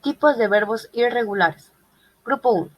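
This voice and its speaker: Higher-voiced woman reading verb lists. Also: normal speed, lo-fi sound. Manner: methodical listing of verb forms. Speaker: student presenter. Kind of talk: reading a class presentation.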